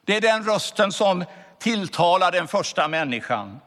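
A man preaching a sermon, slowing down to stretch key words for emphasis. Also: sits high, sing-song, fairly bright tone. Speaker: pastor. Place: church. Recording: long church reverb.

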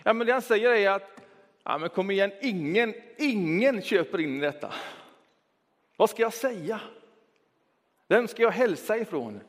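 A man preaching from the front of a church, his voice sitting fairly high for a man. His long reverberant echo trails through the hall as he moves between brisk, talky stretches and slow, weighted words. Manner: reflective, lively shifts between quick talk and slow emphasis. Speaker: pastor. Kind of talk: sermon.

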